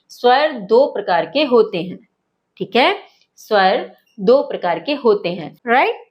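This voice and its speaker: A woman teaching a lesson to schoolchildren, speaking patiently, repeating points and checking that they follow. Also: on the high side. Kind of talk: online lesson.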